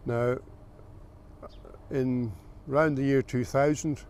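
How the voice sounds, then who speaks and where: An older man from the south of Ireland, a farmer recalling his family's history in a plain, unhurried way with small pauses. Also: mid-range voice, steady tone, a little mellow, a little hiss or hum. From south of Ireland, County Meath. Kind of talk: oral history recollection.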